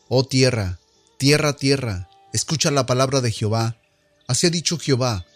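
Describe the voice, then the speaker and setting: Guy reading scripture slow and solemn, declaiming, bit of music in the back. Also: medium pitch. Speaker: scripture reader.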